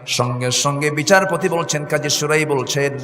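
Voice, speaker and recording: Bright-voiced Bangladeshi preacher in echoing hall. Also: male voice, a little high, moderate pace. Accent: Bangladeshi Bengali. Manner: rhetorical questions to the audience, melodic chanting of Arabic. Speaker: Islamic preacher. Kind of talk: Bengali waz sermon storytelling. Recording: echoey hall with faint music.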